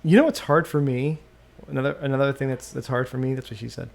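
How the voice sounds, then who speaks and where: A man hosting a solo podcast, thinking out loud and often trailing off and restarting mid-sentence, into a desktop microphone. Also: medium pitch, steady tone, fast, gravelly. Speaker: podcast host. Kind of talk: rambling solo podcast monologue. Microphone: USB desktop microphone.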